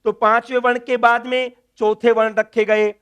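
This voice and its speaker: Guy teaching grammar, really high voice, clear and smooth, asks then answers himself. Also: flat delivery, normal speed, fairly bright tone. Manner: drills letters one by one, asks questions and answers them himself. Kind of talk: classroom lecture.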